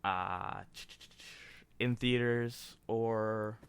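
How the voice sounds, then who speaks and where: On his casual podcast, the host reads out movie ratings in a rambling way, full of restarts and self-interruptions. He sounds on the low side and clean, drawing out his words with fairly even intonation.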